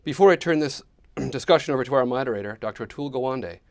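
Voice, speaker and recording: A man, the director of a lecture series, reading a formal, measured introduction of a guest to an audience. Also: mid-range voice, lively intonation, a little mellow. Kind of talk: scripted introduction. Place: lecture hall before a live audience.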